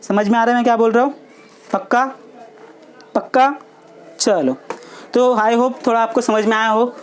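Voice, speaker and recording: A woman teaching a physics class. She asks the students questions and then answers them herself, and she often checks in with short tags. She slows down to dictate the formulas. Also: on the high side, fairly even intonation, a little hiss or hum. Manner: checks understanding with short tags like "theek hai". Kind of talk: classroom lesson at a board.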